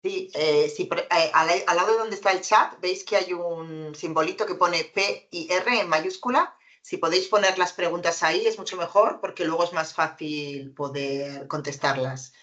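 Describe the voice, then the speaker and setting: A woman's voice: on the low side, normal speed, a bit bright. A woman casually explaining practical instructions as a meeting organiser.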